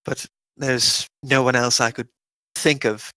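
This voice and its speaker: A man voicing an earnest young woman about to become queen, speaking formally and gently with soft laughs. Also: medium pitch, little pitch movement, takes it slowly, dry recording, rough recording. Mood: humble. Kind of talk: in-character role-play.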